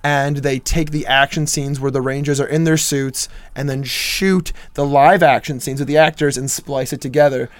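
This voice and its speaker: A man's voice: medium pitch, steady tone, clear, resonant tone, no echo. A young man co-hosting a casual movie podcast, talking loosely with lots of swearing, jokes and laughter. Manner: loose, profane and laughing, quick to joke. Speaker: podcast co-host.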